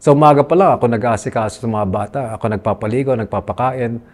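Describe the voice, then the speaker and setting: A man's voice: mid-range voice, fast talker. A man with a Filipino accent telling his own story in an interview, earnest and aggrieved, switching between Tagalog and English mid-sentence. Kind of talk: candid personal testimony.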